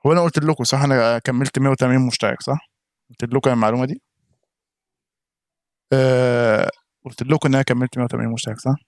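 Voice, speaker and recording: A man's voice: mid-range voice, fairly even intonation, very fast, long pauses, no echo, clean studio sound. A man with an Egyptian Arabic accent giving casual reaction commentary on a gaming live stream, chatting straight to viewers in chat by name.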